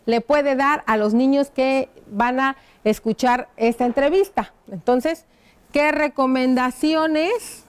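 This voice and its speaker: A woman teaching a primary school lesson on television, dictating slowly as she writes on a board and checking in with the children through frequent tag questions. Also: high-pitched, clear, resonant tone. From Mexico. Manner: slow, careful dictation while writing on a board.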